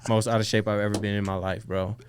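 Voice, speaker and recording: A man's voice: fairly low pitch, little pitch movement, fast, a little hiss or hum. A man as a podcast guest, talking in a laid-back, slangy way and often saying "bro". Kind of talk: casual conversation.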